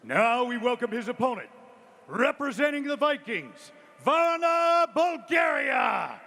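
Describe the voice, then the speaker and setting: A man announcing fighters in a loud, drawn-out ring announcer's delivery in a fight arena. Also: very animated. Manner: booming, drawn-out shouted announcing. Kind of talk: fight introductions. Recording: arena with crowd and noise.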